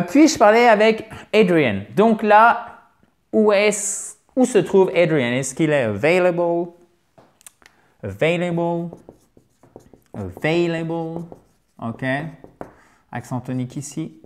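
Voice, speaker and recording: A man teaching English phone phrases in a video lesson, lively, drilling the same phrases over and over slowly. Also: fairly high pitch.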